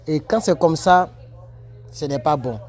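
A man's voice: fairly high pitch, measured pace. A man, reacting to comments in a casual, preachy vlog from his work break. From Ivory Coast. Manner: animated, repetitive, preachy.

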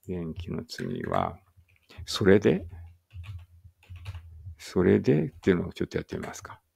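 A man's voice: sits low, huge pitch swings, measured pace, vocal fry, a little mellow, slightly rough. A man giving a casual English lesson, chatty and thinking aloud with small chuckles. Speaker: English teacher.

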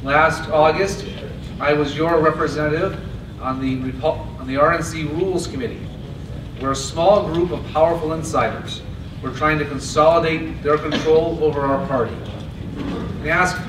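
A man giving a steady, earnest convention stump speech at a podium microphone. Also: fairly high pitch, moderate pace. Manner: earnest, steady delivery with occasional restarts. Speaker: party chair candidate. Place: large convention hall, indoors. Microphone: podium mic on stand. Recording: echoey hall from a far camera with noise.

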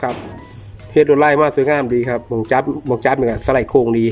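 A man's voice: medium pitch, fairly even intonation, fast talker, darkish tone, faint music behind. A man with an Isan accent, a chainsaw repairman unboxing and reviewing a saw in a chatty, joking way, talking to his viewers as brothers and sisters. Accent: Isan (Northeastern Thai). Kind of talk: casual product unboxing review.

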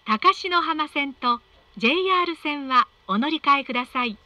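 A woman reading scripted train announcements in a polite, measured, formal way. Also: high voice, animated, pushed and bright, no echo, muffled recording.

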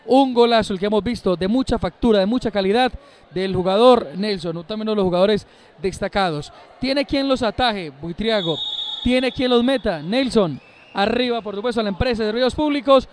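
A man's voice: sits high, moderate pace. A man giving live match analysis as a co-commentator, emphatic and repeating his phrases.

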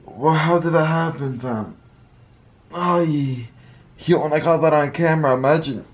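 A man's voice: fairly high pitch, measured pace, husky. A man in his twenties chatting casually as a reaction vlogger, slangy and laid-back. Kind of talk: casual reaction vlog chat. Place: bedroom, reclining on a bed.

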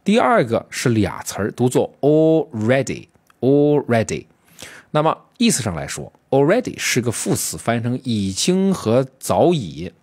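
A man teaching English in a casual spoken lesson, talking straight to his students and slowing down to repeat English words. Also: mid-range voice, slightly rough. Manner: lively, addresses students directly, slows to repeat English words.

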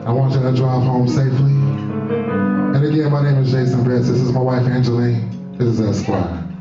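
A man's voice: mid-range voice, fairly even intonation, moderate pace, distant mic. A man doing joking, profane stage banter as an open mic performer, talking into a stage mic at a live music venue. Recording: echoey, muffled live venue recording. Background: loud band music.

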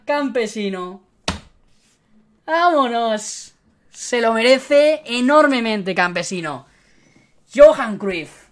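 Brief: woman game streamer, accent from Spain, high voice, chatty live commentary that bursts into excited shouts. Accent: Spain Spanish. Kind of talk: live video game pack-opening commentary.

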